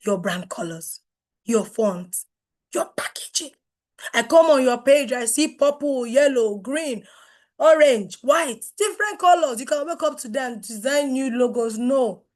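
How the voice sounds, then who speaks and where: A middle-aged woman, hoarse from losing her voice, giving an emphatic online branding workshop full of rhetorical questions. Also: fairly high pitch, lively intonation, normal speed. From Nigeria. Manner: emphatic, rhetorical questions, wide swings in loudness. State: hoarse, has lost her voice. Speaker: webinar speaker on branding. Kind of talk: live online workshop talk.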